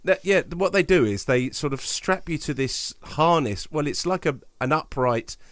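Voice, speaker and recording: A man's voice: a little high, moderate pace, fairly bright tone, no echo. A middle-aged man co-hosting a podcast in casual, rambling chat, laughing at himself and drifting off on digressions. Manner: rambling, self-mocking, laughs often. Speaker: podcast co-host.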